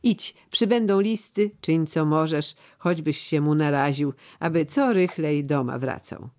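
A man's voice: fairly high pitch, unhurried, natural voice. A man reading the part of an aging, loyal steward who speaks in a solemn, earnest, old-fashioned way. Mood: grave, earnest. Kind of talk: audiobook character reading.

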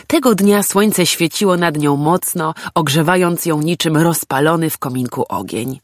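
A woman narrating a children's storybook audiobook in an expressive, lively reading voice. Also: low-pitched, no room sound, studio quality.

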